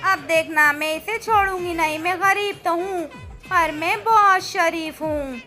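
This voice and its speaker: Very high, childlike woman narrating a cartoon. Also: a little slow, bright, forceful tone, soft background music. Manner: exclamatory, childlike, lots of "oh no" and "wow". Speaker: cartoon narrator voicing all characters. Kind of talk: playful cartoon commentary and character voices.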